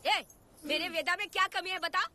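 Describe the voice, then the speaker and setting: A woman's voice: very high-pitched, normal speed, pushed and bright. An actress dubbing a fiercely protective mother who talks back defiantly. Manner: defiant, combative. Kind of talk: dubbed film acting.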